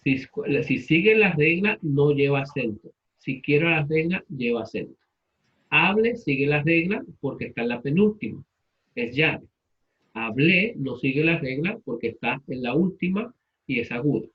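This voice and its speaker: A man's voice: a little high, lively intonation, moderate pace, lo-fi sound. A man teaching a class, repeating students' answers and asking them questions in turn. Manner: patient, repeats answers back and asks questions.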